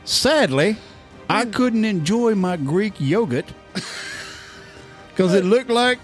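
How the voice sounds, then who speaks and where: A man voicing a crude, boastful young party dude in a put-on Cajun-style accent, with a high, laughing drawl. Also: lively intonation, drawn-out words, soft background music, exaggerated voice.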